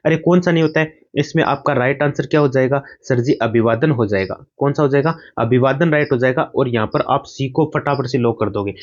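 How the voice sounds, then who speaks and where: A man's voice: on the high side, lo-fi sound. A man teaching an online exam-prep class, drilling through quiz questions at speed and answering his own questions.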